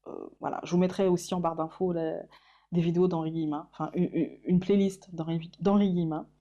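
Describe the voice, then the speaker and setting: Mellow-voiced woman chatting hesitantly. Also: on the low side, steady tone, a little fast, lo-fi sound. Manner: hesitant, many fillers and restarts; laughs often at herself. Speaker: YouTuber. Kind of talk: casual vlog chat.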